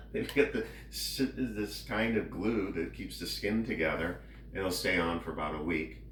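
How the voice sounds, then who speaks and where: A man giving a casual personal update in a halting, rambling way with drawn-out pauses. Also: deep voice, a bit bright. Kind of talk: casual chat. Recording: roomy, distant mic, faint background noise.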